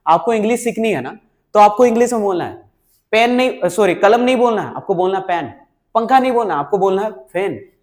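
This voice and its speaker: A man's voice: high-pitched, expressive, a little fast, a little mellow. A man teaching a spoken English lesson, mixing Hindi with English words and often checking on learners with short questions. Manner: repeats "ठीक है?" and "right?" to check on learners; asks questions and answers them himself.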